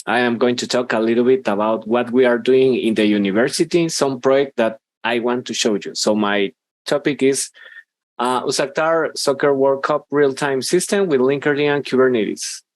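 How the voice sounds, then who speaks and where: Guatemalan man in his thirties, Spanish-accented English, presenting a tech talk over a headset, dry close sound, plenty of fillers and restarts, mid-pitched voice. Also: moderate pace, no room sound. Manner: informal, hesitant, many fillers and restarts. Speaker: university professor and conference speaker. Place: small room indoors, video call.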